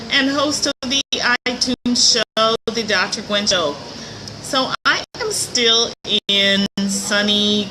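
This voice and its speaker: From a hotel room near a pool, the middle-aged host of a motivational show live-streams a casual monologue in a mid-range, slightly hoarse voice. Her talk is chatty and upbeat, sprinkled with light laughs, against a noisy background.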